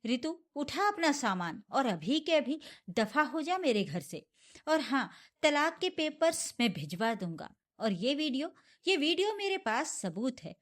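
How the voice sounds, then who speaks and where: A woman's voice: high voice, big pitch swings, unhurried. A woman voicing an angry, grieving young man who roars furiously and speaks through tears for his mother. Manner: furious, roaring, tearful.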